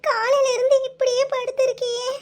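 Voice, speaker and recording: A woman's voice: very high voice, little pitch movement, brisk. A woman voicing a worried young village woman with a Kanyakumari Tamil accent, tearfully tending her feverish sister in a cartoon. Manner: worried, pleading, soft-spoken.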